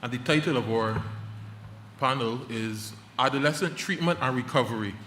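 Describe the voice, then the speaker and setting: A man's voice: medium pitch, moderate pace, fairly bright tone, a little hiss or hum. A man serves as moderator of a conference panel, setting out the format and introducing speakers in a formal, announcing manner. A faint ambience of the venue sits under his voice. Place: conference hall.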